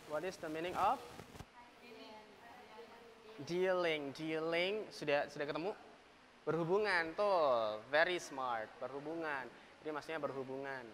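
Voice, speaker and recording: A man's voice: fairly high pitch, a bit bright. A young male English teacher with an Indonesian accent, teaching a class, switching between Indonesian and English and coaxing answers with questions. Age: young adult. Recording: noisy classroom recording.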